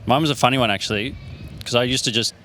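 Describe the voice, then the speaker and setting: A man's voice: mid-range voice, fast talker, sharp tone, a little hiss or hum. A man in a band, chatting loosely in an interview with many restarts. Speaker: band drummer, guest. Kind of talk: casual interview chat.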